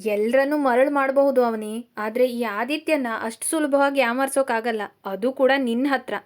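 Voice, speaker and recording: A playful young man who teases and soothes, as a woman narrator reads him. He coaxes in a gentle, quick manner in a storybook reading. The voice stays fairly high. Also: natural voice. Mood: teasing. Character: teasing, affectionate young male lecturer.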